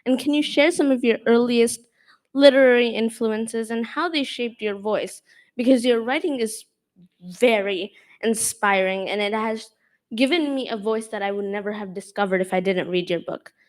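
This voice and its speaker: A woman moderator who reads a formal introduction and asks questions in an earnest, admiring, slightly halting way. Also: fairly high pitch. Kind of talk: reading an introduction, then asking interview questions.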